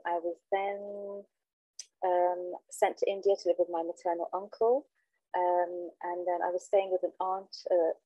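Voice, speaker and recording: Nervous woman, lowish voice, dull audio. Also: warm tone, no room sound. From London, England. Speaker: podcast guest, trainee counsellor. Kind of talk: casual personal storytelling in interview. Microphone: handheld mic on remote call.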